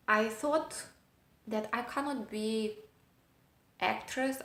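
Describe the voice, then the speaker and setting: There's a roomy echo around this vlogger, a woman in her thirties with a medium-pitched, somewhat bright voice. Speaking English non-natively with a noticeable foreign accent, she talks thoughtfully and reflectively, with pauses and fillers.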